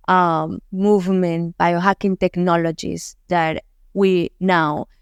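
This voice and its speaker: A woman hosting a wellness podcast, speaking English with an accent and stressing key words slowly. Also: on the low side, clear, resonant tone, dry recording, studio quality. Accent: non-native English. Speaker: podcast host. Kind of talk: podcast interview.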